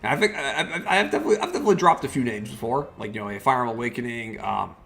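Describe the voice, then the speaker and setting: Creaky-voiced man doing casual game commentary. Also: mid-range voice, rapid-fire, a bit bright, faint music behind. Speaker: gaming video host.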